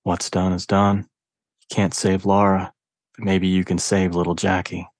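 Resolute older woman, low and even, firm inner voice, read by a male narrator. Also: moderate pace, no echo. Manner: firm, self-admonishing. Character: older grandmother, resolute and self-scolding.

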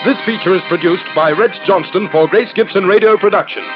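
A man speaking as an old radio announcer, formally reading a scripted closing announcement with deliberate delivery. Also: high-pitched. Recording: muffled old radio recording. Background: loud organ music.

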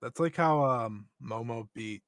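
A man's voice: mid-range voice, unhurried, no room sound, clean studio sound. A man appearing as a guest on a casual wrestling podcast, chatty and jumping in with enthusiasm.

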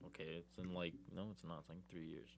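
A man's voice: sits low, monotone, fast talker, creaky. A young adult man co-hosting a casual podcast chat, swearing freely and saying bro a lot. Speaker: podcast co-host.

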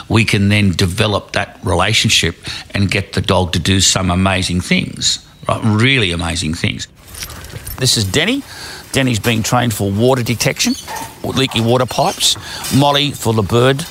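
A man's voice: on the low side, a bit bright. A man, a dog trainer explaining his methods in a plain, down-to-earth way while working outdoors. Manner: down-to-earth, storytelling with acted-out quotes.

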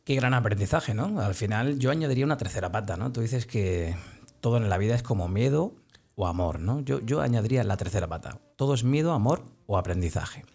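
A man's voice: lowish voice, expressive, brisk, creaky, darkish tone. A man interviewing a guest with engaged, affirming questions. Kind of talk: conversational interview.

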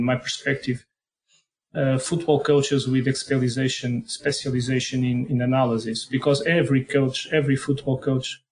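A man with a Portuguese accent answers podcast interview questions as a head of football performance analysis. His medium-pitched delivery is flat and measured, yet hesitant, full of fillers and repeated words.

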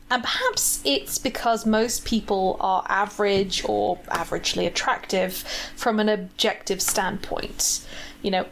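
Woman, podcast co-host, casual book chat, very slow pace, faint hiss behind. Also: mid-range voice. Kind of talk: casual chat about books and writing.

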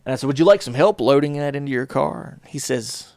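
A middle-aged man talks through a solo podcast episode, circling back and correcting himself as he tells a story. His voice has a gravelly edge. The recording is close and dry, with no room sound. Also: fairly high pitch, quick pace, no room sound. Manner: rambling, self-correcting, warm storytelling with frequent fillers. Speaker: podcast host.

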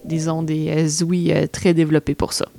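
A woman's voice: low-pitched, flat delivery, normal speed, vocal fry, dark tone, dry recording. A woman with a Québécois French accent explaining facts in a casual chat, hesitant, with many fillers.

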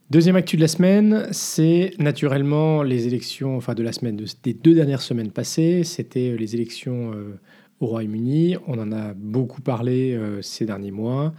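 Hesitant, dark-voiced male podcast co-host. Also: medium pitch. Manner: hesitant, many filler sounds. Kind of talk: casual news commentary.

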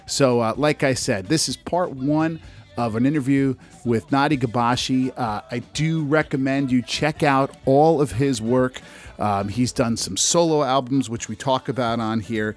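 Casual male podcast host, mid-pitched, rambling delivery, music behind him. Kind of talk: casual podcast introduction and interview.

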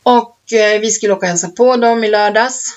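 A woman's voice: mid-range voice, fairly even intonation. A woman co-hosting a podcast in casual chat, rambling through stories and laughing often. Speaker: podcast co-host. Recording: dull lo-fi recording.

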